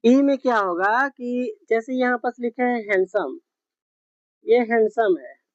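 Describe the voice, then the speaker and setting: Slow, muffled woman teaching. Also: fairly high pitch, animated, no room sound. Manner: slow, repetitive, spells words out letter by letter with frequent check-ins. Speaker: English grammar teacher. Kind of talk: classroom grammar lesson. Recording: dull, muffled lo-fi sound.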